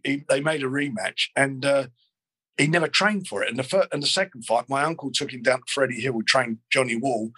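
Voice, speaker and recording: Older man, husky and close-miked, rambling guest recalling the past. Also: mid-range voice, pushed and bright, no echo, low-quality recording. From London. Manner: rambling, frequent restarts and fillers. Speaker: boxing promoter. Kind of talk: interview, reminiscing.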